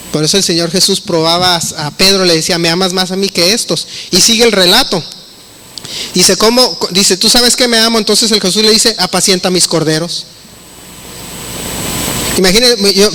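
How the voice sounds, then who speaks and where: A man's voice: high voice, bright, forceful tone, slight background noise. A middle-aged man, preaching a conversational sermon and acting out the quoted dialogue.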